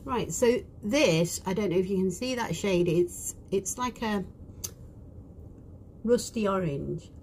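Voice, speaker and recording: A woman with a broad British accent talks through her makeup in an easy, unhurried way. She keeps a mid-range voice and now and then drops to a soft whisper as she works. A faint hum sits behind her in a small cabin. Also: medium pitch, animated. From United Kingdom. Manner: chatty, drops into soft whispered asides while working. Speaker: beauty vlogger. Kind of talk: casual live makeup chat. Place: small cruise ship cabin.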